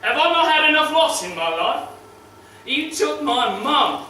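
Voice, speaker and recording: An actor playing a crude, cocky crocodile wrestler who loses his arm and grieves, talking in a foul-mouthed way that swings from swagger to shouted despair. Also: very high voice, big pitch swings, unhurried, a little hiss or hum, heavily acted. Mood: anguished. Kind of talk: dramatic monologue. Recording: very echoey room, mic far off, faint ambience.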